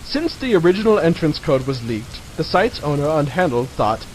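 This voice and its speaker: A man's voice: fairly high pitch, big pitch swings, normal speed. A man giving a mock-dramatic reading of a satirical article in a theatrical, mocking manner, as narrator. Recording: hissy, noisy home recording.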